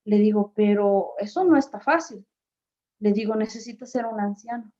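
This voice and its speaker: A woman tells a personal story at a presentation, halting often on filler words and acting out the voices of people in her account. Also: medium pitch, warm tone. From Mexico. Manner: unhurried, halting, with frequent filler pauses and reported dialogue. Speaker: community speaker. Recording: slightly dull lo-fi recording.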